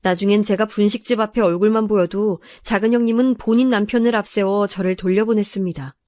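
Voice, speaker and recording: A woman's voice: mid-range voice, fairly even intonation, fast talker, a little mellow, dry recording. A woman narrating a true first-person family story, in an aggrieved, confiding manner.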